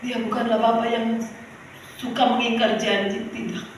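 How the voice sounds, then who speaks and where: A woman's voice: on the high side, little pitch movement, normal speed, a little hiss or hum. A woman preacher giving a sermon, calling out to the congregation and sometimes breaking into song. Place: church hall. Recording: echoey hall, heard from far off.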